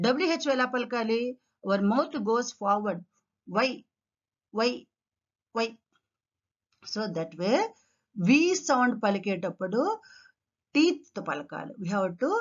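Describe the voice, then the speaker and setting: A woman teaching English pronunciation to children, who speaks in a Telugu accent, slowly repeats each word several times and mixes Telugu with English. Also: a little high, muffled recording. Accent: Indian English, Telugu. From India. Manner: mixes Telugu and English, calls pupils "amma".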